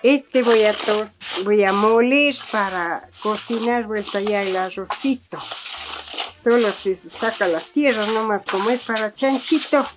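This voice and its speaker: Over music, a middle-aged woman with an Andean Spanish accent talks a little slowly in a mid-range voice while cooking on a farm. She addresses the camera casually and warmly, sprinkling in affectionate diminutives, from a small rustic kitchen heated by a wood fire. The recording, from a handheld camera or phone close by, is clearly noisy with clicking kitchen sounds.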